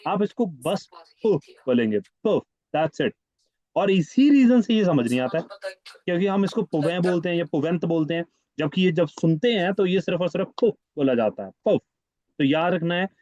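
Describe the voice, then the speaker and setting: A slightly high-voiced man teaching French over a video call, patient and repeating words again and again. His voice comes through dry and muffled, like lo-fi call audio. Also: mellow, no echo. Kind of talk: online class teaching.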